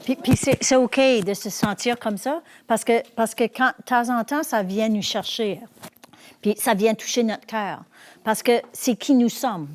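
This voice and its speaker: A woman's voice: a little high, a little slow, darkish tone. A woman speaking in an earnest, encouraging way, often repeating words as she starts a thought. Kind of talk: reflective commentary.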